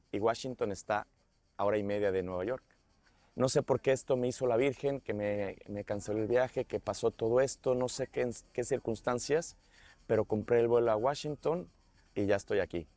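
A man's voice: mid-range voice, normal speed, darkish tone, no echo. A man from Michoacán with a Mexican accent, telling the story of his pilgrimage in a rambling way with many restarts. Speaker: pilgrim giving testimony. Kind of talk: casual spoken testimony.

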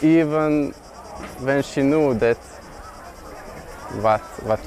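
A young man from Slovakia answering interview questions outdoors, hesitant with many pauses, earnest. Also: mid-range voice, darkish tone, low-quality recording. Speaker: festival pilgrim.

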